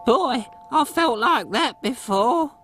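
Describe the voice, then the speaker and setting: A woman's voice: fairly high pitch, lively intonation, takes it slowly, a bit bright, slightly rough, heavily acted. A woman voicing a bubbly, friendly little bug in a cartoon.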